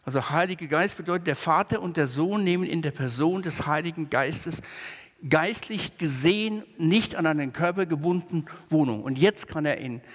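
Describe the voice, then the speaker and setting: A man with a slightly high voice gives a sermon in a hall with a long reverb tail. He explains scripture conversationally, mixing in homely asides. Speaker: preacher.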